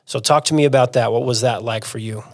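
A man's voice: medium pitch, steady tone, fast, no echo, studio quality. An American man hosting a podcast interview, speaking in a slangy, conversational way. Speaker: podcast host. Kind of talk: casual interview chat.

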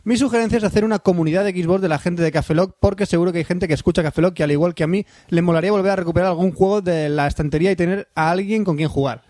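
A man's voice: sits high, racing, few pauses, no room sound, clean studio sound. A man from hosting a casual podcast, reading listener emails aloud in a playful, jokey way. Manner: playful, jokey, puts on loud exaggerated voices.

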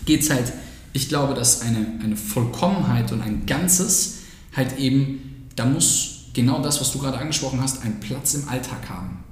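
A man's voice: medium pitch, expressive, normal speed, roomy sound. A German man hosting a casual podcast conversation, asking probing practical questions in a conversational way with frequent restarts.

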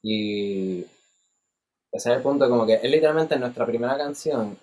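A man with a husky voice tells stories casually in Spanglish, switching between Spanish and English and acting out dialogue. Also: mid-range voice, moderate pace. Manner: animated filler-heavy storytelling with re-enacted dialogue. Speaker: musician in a band.

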